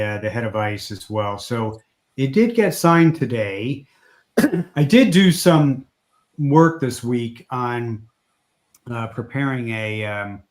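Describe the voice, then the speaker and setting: A man who is an immigration lawyer, giving a livestream legal update, a little hoarse and speaking haltingly with many fillers and restarts. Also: fairly low pitch. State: losing his voice a little.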